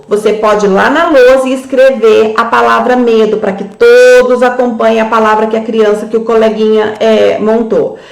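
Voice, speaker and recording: A woman with a Brazilian Portuguese accent, training teachers in a tutorial and sounding out words slowly syllable by syllable. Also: a little high, roomy sound. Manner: slow, syllable-by-syllable demonstration for young children.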